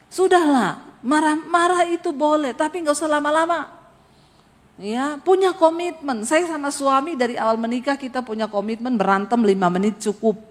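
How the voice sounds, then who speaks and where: Woman pastor preaching in a reverberant church. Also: sits high. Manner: animated preaching with humor, rising emphasis. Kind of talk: sermon. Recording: long hall reverb.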